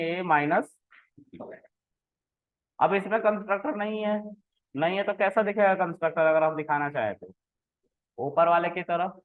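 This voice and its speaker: A man teaching programming in a relaxed way, explaining code step by step and often checking that the listener follows. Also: on the high side. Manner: conversational, keeps checking in with the listener. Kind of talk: explaining code while typing. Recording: tinny phone-like sound.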